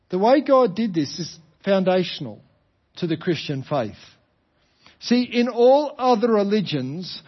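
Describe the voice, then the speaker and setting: Male preacher, Australian, high-pitched. Explanatory sermon delivery with emphatic repetition and rhetorical questions. Slightly muffled sound. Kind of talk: sermon, explaining a parable to a congregation.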